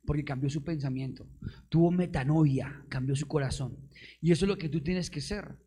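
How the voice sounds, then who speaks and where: A man's voice: fairly high pitch, normal speed, mellow, slightly rough. A man preaching a live sermon, firing rhetorical questions at the congregation and joking with them. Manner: call-and-response with the congregation, rhetorical questions, bursts of emphasis; playful, laughs with the audience. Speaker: pastor.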